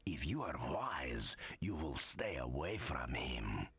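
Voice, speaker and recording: Deep, gravelly, cautionary villager. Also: male voice, very animated, takes it slowly, over loud music, heavily acted. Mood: grave warning. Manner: opinionated, cautionary, emphatic. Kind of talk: video game character acting.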